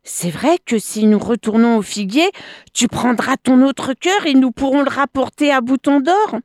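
A gullible male crocodile from a storybook, put on by a woman reading aloud, his voice pushed up high and bright with eagerness. He wheedles and coaxes, and the sound is dry and close. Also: moderate pace, no room sound, close to an everyday voice. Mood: eager. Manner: wheedling and coaxing.

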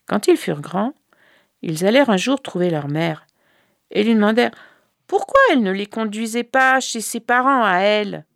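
A woman reading a folk tale aloud in a calm, measured way. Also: mid-range voice, creaky, no room sound, clean studio sound. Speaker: storyteller.

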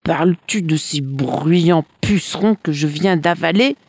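A storyteller voicing a huge fire-breathing male dragon, proud and menacing, with a booming, mocking delivery. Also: a little slow, darkish tone, breathy edge, no room sound.

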